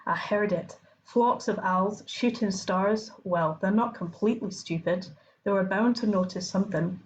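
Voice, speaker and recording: A woman voicing a stern, impatient older female professor with a Scottish accent, clipped and sharp, in a storybook reading. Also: medium pitch, a little slow, highs cut off, a little hiss or hum, natural voice. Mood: scornful.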